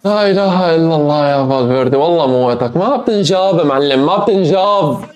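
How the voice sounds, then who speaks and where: A young man with a Syrian accent streaming a live football reaction, excitable and sarcastic, swinging between loud outbursts and low mutters. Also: fast, clean tone. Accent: Syrian Arabic.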